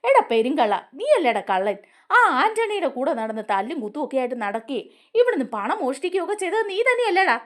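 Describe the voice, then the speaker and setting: A woman's voice: sits high, very animated, fast talker. A woman voicing an angry young man from a TV serial, accusing and raising her voice. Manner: accusing, raised voice.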